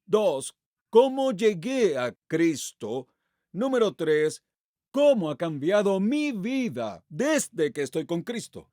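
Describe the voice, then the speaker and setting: A man's voice: high voice, very animated, slow pace, warm tone, no room sound, studio quality. A man preaching a sermon as pastor, asking the congregation rhetorical questions and reading Bible passages aloud with emphatic delivery.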